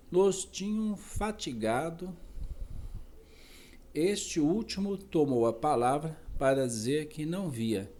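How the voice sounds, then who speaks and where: A man reads a dense academic text at a slow, deliberate pace. His voice is dark and mellow, with an even, average pitch. He stops now and then to correct a word or to add a quick aside. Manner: slow, careful reading with self-corrections and asides. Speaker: reader. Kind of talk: reading a philosophy text aloud.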